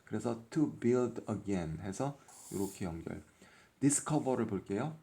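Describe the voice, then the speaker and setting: Slow, mellow-voiced male phonics teacher. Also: lowish voice, expressive, creaky. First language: Korean. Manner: sounds out letters one by one, patient and methodical. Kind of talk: workbook lesson explained step by step.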